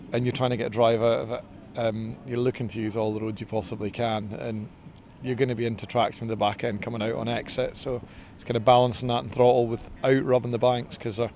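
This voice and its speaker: A middle-aged man, a racing driver, answering interview questions outdoors in a paddock in a relaxed, modest way. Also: medium pitch, a little hiss or hum. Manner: relaxed and modest, with filler ums. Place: outdoors in a race paddock beside a team truck. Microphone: interviewer's handheld mic.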